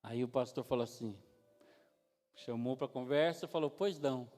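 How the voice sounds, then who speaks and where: A man's voice: medium pitch, normal speed, soft background music. A man with a Brazilian Portuguese accent, preaching a storytelling sermon in a church and then leading a prayer. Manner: lively storyteller who acts out voices. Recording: long reverb of a church hall.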